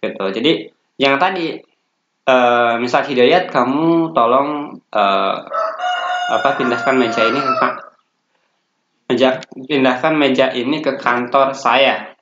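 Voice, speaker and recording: A man's voice: medium pitch, slow pace, pauses often, a bit bright. A man teaching a course from slides in a casual, loose way, with many fillers and restarts. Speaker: course instructor. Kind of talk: slide-based lecture. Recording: roomy, dull lo-fi sound.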